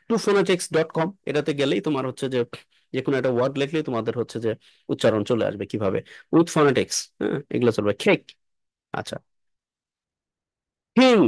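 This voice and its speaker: A man's voice: fairly high pitch, dry recording. Dry-voiced man teaching pronunciation. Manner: repeats words slowly for students, asks questions. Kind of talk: classroom lesson in a room.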